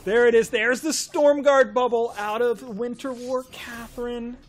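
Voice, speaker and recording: A man's voice: very high voice, fairly even intonation, unhurried. A man hosting a game livestream, enthusiastically presenting new skins and laughing often. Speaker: livestream host. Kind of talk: excited game update showcase.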